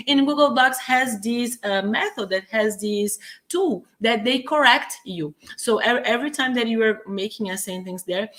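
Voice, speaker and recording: A native Portuguese speaker from Brazil, this woman teaches English in a casual online lesson from her home in Quebec, speaking with a Brazilian Portuguese accent. She's chatty and relaxed, with lots of fillers and restarts. Her voice is mid-range and a bit bright.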